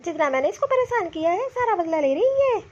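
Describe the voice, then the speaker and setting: A woman's voice: very high-pitched, sing-song, a little fast. A woman voicing a weary, grumbling elderly mother-in-law in a cartoon who mutters complaints to herself. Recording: dull lo-fi sound.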